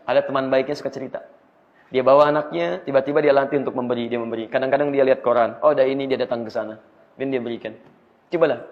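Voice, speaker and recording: A man preaching an Islamic study sermon, asking the audience rhetorical questions in a lively way. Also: mid-range voice. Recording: echoey hall, slightly dull sound.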